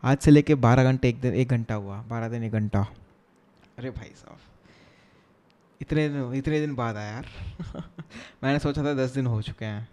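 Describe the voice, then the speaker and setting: A young man from Chennai talks through his coding on a live stream. He chats and jokes with his viewers, switching freely between Hindi and English tech words. His voice is mellow and dark, set at an ordinary middle pitch. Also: normal speed. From Chennai, India. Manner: chatty and joking, reading viewer chat aloud and answering it. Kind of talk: casual live-stream chat while coding.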